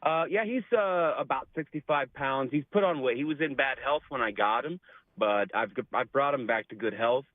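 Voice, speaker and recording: Male caller on speakerphone, phone-line quality, dry and narrow, polite and halting. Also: mid-range voice, no echo. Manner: polite, chatty, hesitant with fillers. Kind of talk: casual call-in chat.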